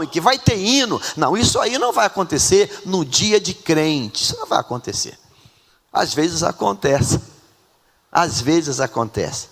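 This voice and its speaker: A Brazilian man with a Brazilian Portuguese accent preaching a sermon in a church, dramatic, swinging between hushed and loud, calling on members of the congregation by name. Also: high-pitched. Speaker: pastor. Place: church sanctuary. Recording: reverberant church hall.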